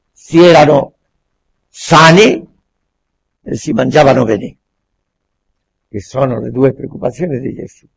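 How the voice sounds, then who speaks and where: Man, fairly high pitch, slow halting delivery, public lecture, repeats for emphasis. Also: gravelly, slightly rough. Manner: halting, searching for words in a non-native language, repeats phrases for emphasis. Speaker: guest lecturer. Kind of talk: public lecture with questions and answers.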